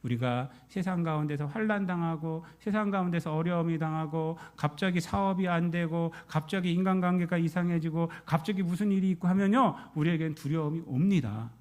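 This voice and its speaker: A man preaching a Sunday sermon as pastor, questioning his congregation and swinging between loud emphatic peaks and soft low asides. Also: brisk, few pauses.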